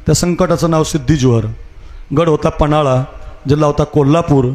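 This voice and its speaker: Rousing higher-voiced male kirtan preacher. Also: fairly even intonation, fairly quick, darkish tone. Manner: rousing, commanding the crowd, call-and-response. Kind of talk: devotional kirtan sermon. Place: crowded outdoor festival pandal.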